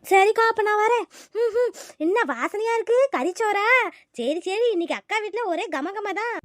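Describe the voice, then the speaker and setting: A nosy village neighbor from a cartoon, voiced by a woman, fawning and wheedling. The voice is very high-pitched. It is recorded close and dry. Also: lively intonation, normal speed, no echo. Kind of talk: cartoon voice acting.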